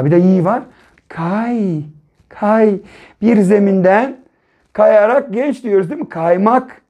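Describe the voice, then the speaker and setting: A patient male primary school teacher leads young children through a reading lesson, sounding out syllables one at a time before blending them into words. His voice is mellow and soft-edged, and he often closes a point with a gentle checking question. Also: sits high.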